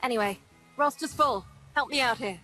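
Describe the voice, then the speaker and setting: A woman's voice: a little high, normal speed, bright, forceful tone, soft background music, low-quality recording. An actress playing a tough, wisecracking woman squad leader in video game dialogue, brash and teasing with nicknames for everyone.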